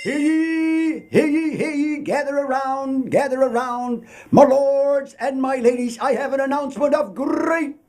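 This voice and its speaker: A man performing as a ceremonious medieval town crier, calling out a loud, formal proclamation with stately repeats. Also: very high voice, a little slow, few pauses, a little hiss or hum, pitched above the performer's own voice. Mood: grand, proclaiming.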